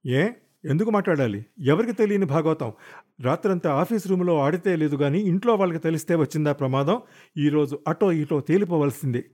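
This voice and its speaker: A man voicing an angry, jealous young wife who wails and hurls shrill accusations in an audiobook. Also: lively intonation, a little fast, a little mellow. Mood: shouting, wailing. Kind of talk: audiobook character voice.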